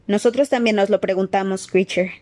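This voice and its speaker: A woman's voice: mid-range voice, fairly even intonation, brisk, a little mellow, natural voice. A woman reading the lines of a wry, mocking teenage boy in an audiobook.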